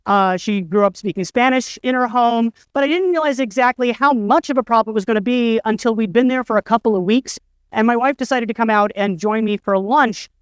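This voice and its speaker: On an indoor conference stage, a middle-aged man delivers a storytelling keynote full of wry, self-deprecating humor. He speaks a little fast in a very high voice with a clean tone, and the recording has no room sound.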